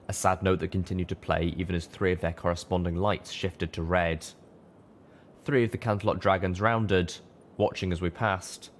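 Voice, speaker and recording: A low-voiced man reads a fantasy tale as an audiobook storyteller, delivering scripted first-person prose.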